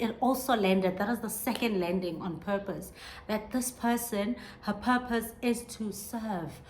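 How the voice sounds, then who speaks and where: A woman in her thirties hosts a podcast alone, speaking earnestly and reflectively in a mid-range voice. She restarts often as she hunts for the right words, and a slight hiss or hum sits under the recording.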